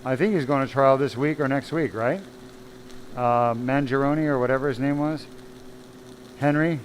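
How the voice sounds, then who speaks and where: A man's voice: medium pitch, normal speed, slight background noise, rough recording. A man, a spine surgeon, giving a blunt, emphatic live question-and-answer talk full of rhetorical questions.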